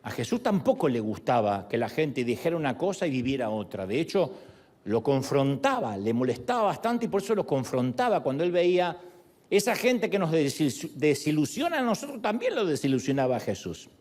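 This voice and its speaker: Animated preacher man. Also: a little high, a little fast. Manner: animated, shifts voice for quoted speech and jokes. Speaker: pastor. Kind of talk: sermon.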